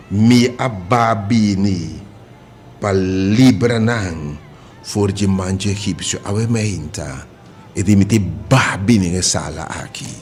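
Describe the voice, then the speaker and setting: A man preaching a radio sermon, fervent and repetitive, rising to cries. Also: mid-range voice.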